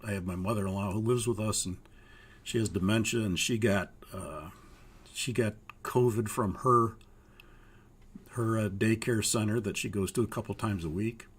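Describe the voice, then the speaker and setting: An older man from Minnesota with a lowish voice, hoarse from a cold, walks students through a live online flight training course. His gravelly, husky voice comes out halting, with many pauses and frequent uhs.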